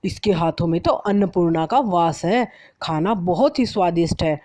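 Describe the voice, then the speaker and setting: A woman voicing a middle-aged father of the groom who warmly praises the food. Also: lowish voice, normal speed, dry recording, studio quality, close to an everyday voice. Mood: pleased.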